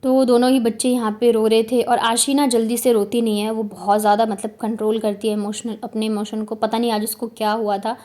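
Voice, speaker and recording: A woman's voice: fairly high pitch, little pitch movement, brisk, few pauses, dark tone. Chatty woman vlogger narrating her day. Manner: chatty, explains step by step. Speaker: vlogger, mother. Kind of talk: casual vlog narration.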